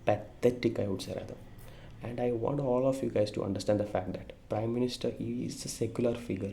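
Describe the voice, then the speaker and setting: Earnest Indian man, low gravelly voice. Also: dark tone. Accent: Indian English. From India (Kerala). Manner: earnest, emphatic, many fillers and self-corrections. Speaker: vlogger. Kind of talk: opinion monologue to camera.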